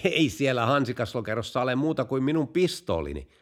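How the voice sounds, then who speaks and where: A man's voice: medium pitch, sing-song. A man voicing a brazen male car driver in a told joke, curt and then innocently denying everything.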